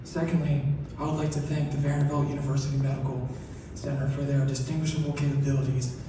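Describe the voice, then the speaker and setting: A soft-spoken man giving an acceptance speech, his articulation slurred as if one side of his mouth is numb. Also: medium pitch, little pitch movement, quick pace. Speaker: award recipient. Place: large hall through PA. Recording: echoey hall, distant, noisy ambience.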